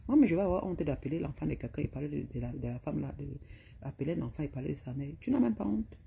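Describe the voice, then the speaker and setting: A woman's voice: deep voice, fast, vocal fry, warm tone, slight background noise. A middle-aged woman with a Cameroonian French accent, scolding and insulting someone in a heated rant to camera. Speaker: vlogger.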